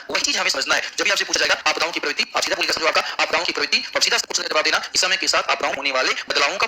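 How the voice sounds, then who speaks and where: A man's voice: sits high, sharp tone, slight background noise, rough recording. A man teaching geography to a class, constantly asking questions and answering them himself. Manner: drills students with repeated questions. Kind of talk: classroom lecture.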